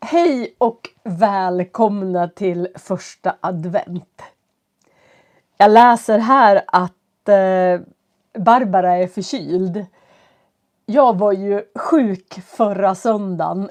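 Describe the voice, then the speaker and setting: Greeting viewers on a live stream, a woman teaching from home speaks slowly and clearly for learners despite a stuffy nose and a cough. Her voice sits in the mid range and is a little mellow, captured through a computer setup.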